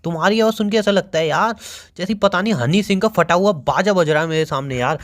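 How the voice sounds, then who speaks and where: A man's voice: sits high, fast talker, a bit bright. A young man teasing and complaining to his girlfriend in casual banter. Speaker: boyfriend on a call.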